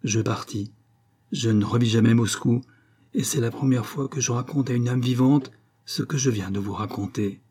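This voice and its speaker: A man reading a story aloud as narrator, with measured, grave delivery. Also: medium pitch, warm tone, slightly rough. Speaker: audiobook narrator.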